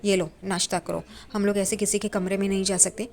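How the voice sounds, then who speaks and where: A woman voicing a gentle young woman who feels lonely in an empty house, speaking softly and pleadingly. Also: medium pitch, little pitch movement, fairly quick, natural voice. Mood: worried.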